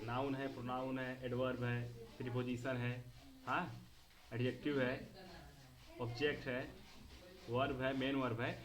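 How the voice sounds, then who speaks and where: A medium-pitched man leads a class through grammar, repeating important words and checking again and again that his students are following.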